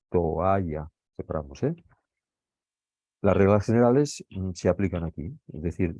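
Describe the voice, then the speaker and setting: A man from Spain teaches a grammar lesson in a low, warm voice, patient and methodical, often pausing to ask if his students follow. The recording is dry and dull, with a lo-fi quality. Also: no echo. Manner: patient, explains step by step with frequent checks like "¿eh?" and "¿vale?".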